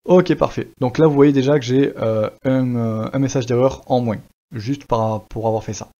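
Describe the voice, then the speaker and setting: Relaxed French man walking through a tutorial. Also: medium pitch, moderate pace. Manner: relaxed, chatty, many fillers and restarts. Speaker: WordPress tutorial presenter. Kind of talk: casual screen-recorded tutorial. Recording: slightly dull lo-fi sound.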